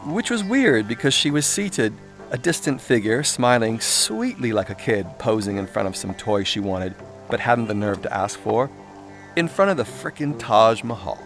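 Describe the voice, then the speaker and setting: A man with a medium pitch, lively intonation, and a slightly bright tone reads at a normal speed from his own irreverent self-help audiobook. His cheeky, theatrical, conversational delivery includes sweary asides. Composed music and a soundscape sit beneath his voice.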